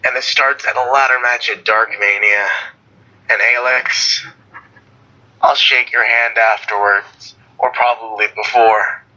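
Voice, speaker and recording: A man speaking as a guest on an online radio call, talking in a slow, drawling stoner voice. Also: mid-range voice, steady tone, sharp tone. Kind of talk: casual online radio chat. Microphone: video call. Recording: lo-fi call audio.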